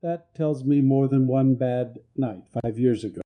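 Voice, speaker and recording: A man's voice: mid-range voice, a little slow, phone-quality sound, lightly acted. A man reading a determined young frontier herbalist. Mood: earnest.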